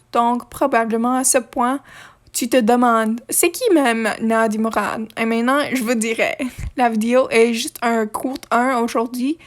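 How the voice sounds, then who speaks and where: Higher-voiced woman, non-native French, even delivery. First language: not French; French is a third language. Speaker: video presenter. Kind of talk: scripted informational narration with casual asides.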